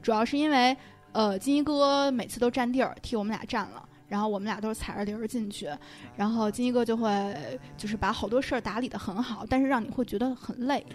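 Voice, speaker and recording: Slightly high-voiced woman chatting. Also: steady tone, fast, faint music behind. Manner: conversational, informal. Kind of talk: casual chat, recollecting.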